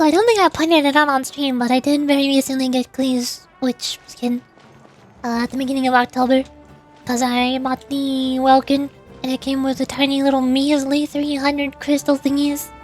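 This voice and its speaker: With music faintly in the background, a high-voiced woman hosts a casual gaming stream as a VTuber. She rambles playfully, murmuring small remarks to herself as she plays, in a level tone at normal speed.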